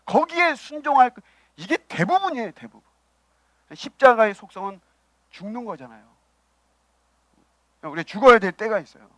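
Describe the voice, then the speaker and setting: A man preaching a sermon as pastor, asking the congregation questions and swinging between loud emphasis and quiet asides. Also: very high-pitched, expressive, normal speed, pauses often, dry recording. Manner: preaching with rhetorical questions and acted quotes. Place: church.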